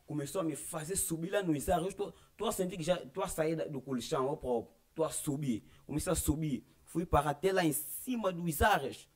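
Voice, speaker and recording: A man's voice: a little high, brisk, few pauses. Young Angolan-accented man telling his faith testimony earnestly, voicing each quoted line. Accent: Angolan Portuguese. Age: young adult. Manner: earnest storytelling that acts out quoted dialogue. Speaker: church member giving testimony. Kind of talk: personal religious testimony.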